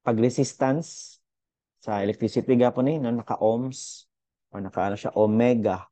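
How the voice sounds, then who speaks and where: A man's voice: mid-range voice, normal speed, dark tone, dry recording. A young man teaching a casual physics lesson, chatty and thinking aloud with fillers as he goes through units.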